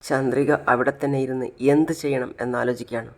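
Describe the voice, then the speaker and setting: A man retelling a TV serial episode in a plain, steady way. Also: mid-range voice, brisk. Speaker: serial recap narrator.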